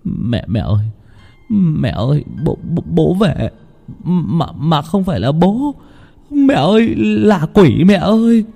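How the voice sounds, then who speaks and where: A man's voice: high voice, very animated, a little fast, warm tone, soft background music, pitched above the performer's own voice. A man voicing a terrified village boy in a ghost story, stammering and panicked in a raised voice.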